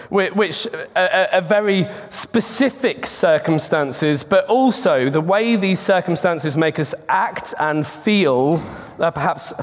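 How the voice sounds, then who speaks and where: A man preaching an earnest, chatty sermon at a pulpit microphone, often restarting his words. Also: fairly high pitch. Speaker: pastor. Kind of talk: conversational sermon. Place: church sanctuary. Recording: long reverb of a church hall.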